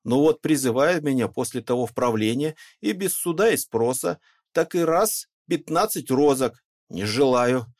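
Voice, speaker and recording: A man voicing a loud, indignant peasant who rants and shouts about being wronged, in an audiobook. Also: medium pitch, expressive, moderate pace, pitched above the performer's own voice. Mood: indignant ranting. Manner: shouting, ranting, bitter. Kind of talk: audiobook character reading.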